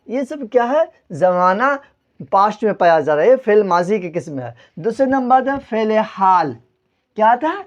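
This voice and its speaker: Very animated and high-voiced, this Urdu teacher works through grammar at the board. He repeatedly poses questions to the class, supplies the answers himself, and spells out words one letter at a time.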